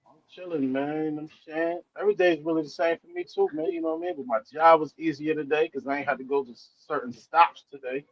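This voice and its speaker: A man's voice: fairly high pitch, animated, fast talker. A man in a casual video call chat, speaking in a laid-back drawl with slang. His voice comes through muffled and distant, as if heard through a wall, over a single earbud mic. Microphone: one earbud headset on a video call. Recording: dull, muffled lo-fi call audio.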